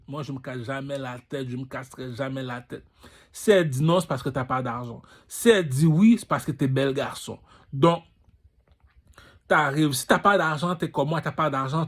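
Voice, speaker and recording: A man with a Quebec French accent, hosting his own channel in a boastful, crude, swaggering street-talk rant. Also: on the high side. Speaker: channel host. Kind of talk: ranting monologue.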